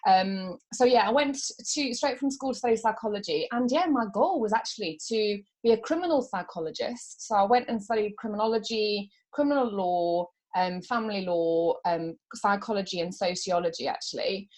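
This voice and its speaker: A woman in her forties who grew up in South Africa, a business coach chatting as a podcast guest, open and emotional and quick to laugh. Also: mid-range voice. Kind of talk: casual interview chat.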